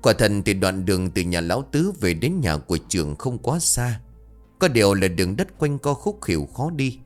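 A man narrating a scripted ghost story in an expressive, dramatic storytelling manner. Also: on the low side.

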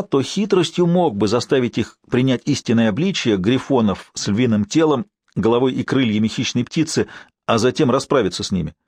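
A man narrating a fantasy audiobook in a steady, expressive reading. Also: mid-range voice, dry recording. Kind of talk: scripted narration.

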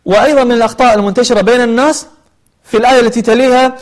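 A man's voice: extremely high pitch, steady tone, very fast. A man teaching a tajweed lesson, explaining patiently and repeating sounds to correct pronunciation. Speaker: Quran recitation teacher.

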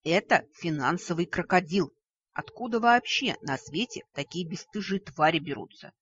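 Lady doing a plump grumpy money-grubber guy, squawks high and loud, kinda husky. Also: expressive, normal speed, muffled recording. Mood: cursing. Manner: indignant, squabbling. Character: chubby greedy male creature, hot-tempered accountant.

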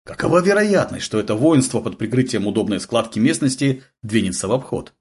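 A man's voice: medium pitch, lively intonation, fairly quick, darkish tone, husky. A man reading an action novel aloud in a vivid, dramatic storytelling manner. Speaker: audiobook narrator. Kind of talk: expressive audiobook narration.

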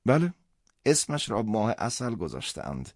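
A man's voice: fairly low pitch, big pitch swings, no echo, clean studio sound, voice pushed up. A man voicing an imploring, apologetic man on the phone in a storybook reading. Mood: pleading.

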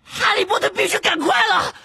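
A shrill squeaky house-elf, Dobby. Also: male voice, a little fast, vocal fry, sharp tone, exaggerated voice. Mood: urgent squeaky. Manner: shrill, insistent, pleading. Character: squeaky excitable male house-elf servant.

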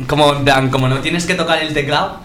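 A man's voice: on the high side, steady tone, fast talker, background noise. A young man, a band member, answering casually in a radio interview. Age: young adult.

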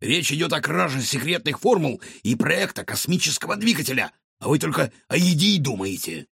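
This is a man voicing a stern animal detective in a storybook, commanding and bossy. The voice is gravelly and husky, with lively pitch. It is recorded dry and close. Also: brisk, dry recording, full character voice. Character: bossy male animal detective, a gang leader. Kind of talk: audiobook character voice.

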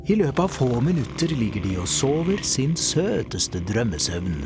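A man narrating a children's audiobook in a lively storytelling manner. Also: medium pitch, music in the background. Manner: lively storyteller, voices all the characters.

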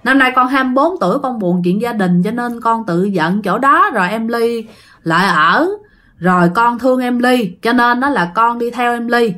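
A woman's voice: fairly high pitch, moderate pace, sharp tone. A woman voicing the ghost of a sad young man in his twenties, who pleads through tears. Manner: pleading, tearful.

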